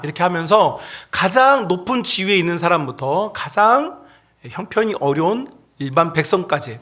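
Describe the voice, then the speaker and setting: A man preaching a Sunday sermon as a pastor, his voice pitched high and swooping widely up and down. He talks to the congregation directly and keeps throwing rhetorical questions at them. The delivery stays animated and conversational. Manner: addresses the congregation directly and often.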